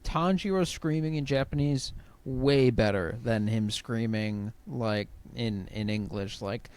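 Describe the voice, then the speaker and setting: A man co-hosting a podcast, telling stories in relaxed casual chat, laughing lightly and repeating words as he starts. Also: medium pitch, measured pace, smooth. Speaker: podcast co-host.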